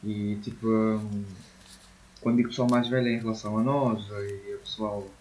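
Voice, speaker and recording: A man's voice: on the low side, level tone, moderate pace, a little mellow, a little hiss or hum. A man in his twenties with a European Portuguese accent, chatting casually and informally with slang and swearing as a podcast co-host. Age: 20s. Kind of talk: casual chat.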